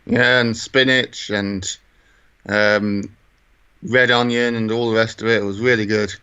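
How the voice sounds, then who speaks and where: A man's voice: lowish voice, flat delivery, unhurried, pushed and bright, smooth, lo-fi sound. A man with a British accent chatting casually and descriptively as a podcast co-host. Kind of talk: casual chat describing a walk.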